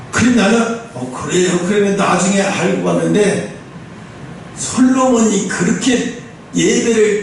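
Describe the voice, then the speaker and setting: A male pastor preaching a sermon, telling the story with lively, acted-out lines of dialogue. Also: high-pitched. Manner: animated storytelling, acting out dialogue with God. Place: church sanctuary. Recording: echoey church hall, distant mic, faint noise.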